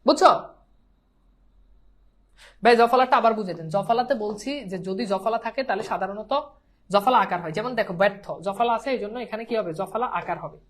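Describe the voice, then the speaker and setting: A woman's voice: mid-range voice, a little fast, pauses often. A woman teacher gives a pronunciation lesson. She drills each word by repeating it and keeps quizzing her students.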